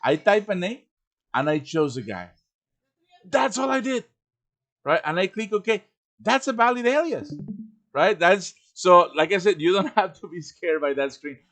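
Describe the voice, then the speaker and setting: Hosting an informal live software tutorial, this man speaks in a high-sitting, very animated voice that's a little slow and fairly bright. He's chatty, explains things step by step, and keeps asking check-in questions.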